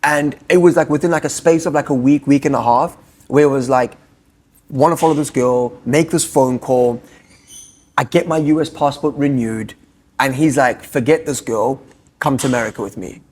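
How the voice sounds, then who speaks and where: A husky-voiced young man with a South African accent talks as a podcast guest, pitched in the middle for a man. He tells his story loosely, piling up fillers and quick asides in a relaxed chat.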